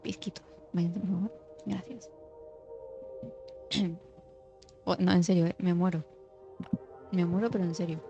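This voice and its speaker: Young gal streaming a game, chatty and mumbly, kinda dull mic, faint music behind. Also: female voice, on the low side, steady tone, measured pace, creaky, long pauses. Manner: chatty, muttering, drops to mock ASMR hush. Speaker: gaming streamer. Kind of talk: casual gameplay chat.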